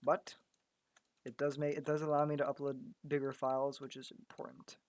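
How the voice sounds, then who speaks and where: A man's voice: mid-range voice, monotone, moderate pace, dry recording. Guy talking thru his art project, kinda losing his voice, keeps repeating words, just chatting. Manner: thinks aloud, stammers and repeats words. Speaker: graphic artist. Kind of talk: casual commentary while working.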